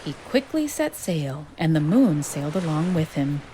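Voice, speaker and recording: Lively, expressive woman reading aloud. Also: sits low, moderate pace, a little hiss or hum, low-quality recording. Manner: expressive, gentle storytelling. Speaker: storybook reader for children. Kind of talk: children's read-aloud narration.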